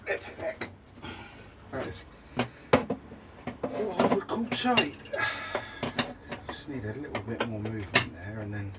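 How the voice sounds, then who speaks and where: Low-voiced man grumbling through repairs. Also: sing-song, measured pace, long pauses. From United Kingdom. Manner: chatty, grumbling, muttering to himself as he works. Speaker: travel vlogger. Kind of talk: casual self-talk while doing repairs. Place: inside a motorhome. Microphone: camera mic set down nearby. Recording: noisy camera recording with clicks.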